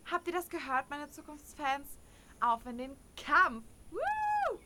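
A woman's voice: high voice, unhurried, heavy background noise. A woman voicing a sarcastic, theatrical young woman who drawls her mocking lines. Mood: rallying.

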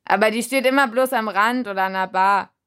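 Big burly punk spirit, male, blunt and gruff, read by a woman in a storybook. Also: on the high side, brisk, lightly acted. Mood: gruff, loud. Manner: blunt, shouts over loud music in short phrases.

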